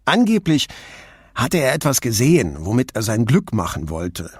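A man voicing Nino, an excitable middle-aged drinker who talks eagerly and pushes his point. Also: mid-range voice, normal speed, husky, no room sound, studio quality. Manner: eager, talkative, pushy.

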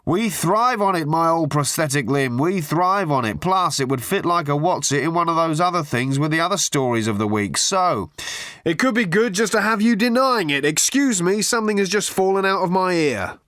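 A man puts on a higher-than-natural voice, animated and a little bright, at a moderate pace, to play a chatty male tabloid journalist gushing nonsense endearments down the phone in an audiobook. The recording is dry and clean, studio quality.

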